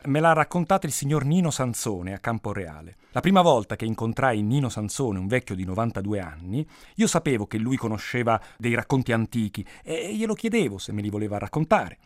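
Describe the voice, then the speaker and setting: A man narrating a folk tale with animated, dramatic storytelling. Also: medium pitch, brisk, hardly any pauses, no echo, clean studio sound.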